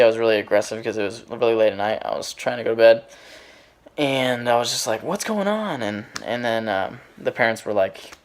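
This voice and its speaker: A man's voice: lowish voice, clear, resonant tone. A man in his twenties casually telling a story to his vlog audience, rambling with lots of fillers and restarts. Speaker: vlogger.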